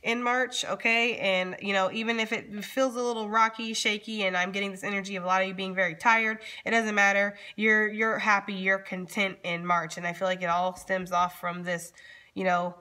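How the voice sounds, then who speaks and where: A woman's voice: mid-range voice, level tone, normal speed, pushed and bright. A woman giving a casual, chatty tarot reading as channel host, speaking informally and straight to her viewers. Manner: informal, addresses viewers directly, frequently checks in with "okay?". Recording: background noise with card shuffling and clicks.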